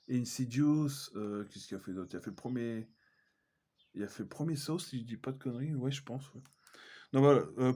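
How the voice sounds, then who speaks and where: A man's voice: medium pitch, a little mellow. Chatty man showing his films. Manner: chatty, hesitant, many fillers and self-corrections. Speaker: collector vlogger. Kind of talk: casual unboxing chat.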